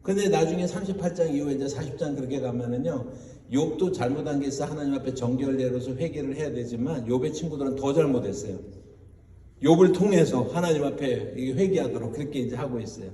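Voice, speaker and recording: A male pastor giving an animated sermon in a church, questioning his congregation and mimicking voices as he goes. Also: mid-range voice, fast talker, a little hiss or hum. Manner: animated preaching, mocking quoted voices, asks the congregation questions. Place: church sanctuary. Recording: roomy hall, voice from far off.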